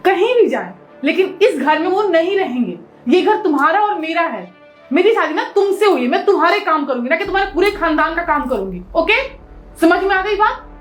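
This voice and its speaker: An actress playing a resentful young wife who refuses the housework, talking in a sharp, defiant, complaining way. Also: female voice, very high-pitched, sing-song, fairly quick, soft background music.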